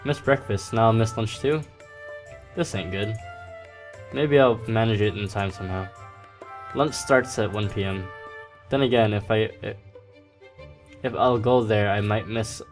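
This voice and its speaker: Low-voiced man reading a game aloud. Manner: casual, stumbling over words, self-correcting. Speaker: let's play host. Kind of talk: reading a visual novel aloud.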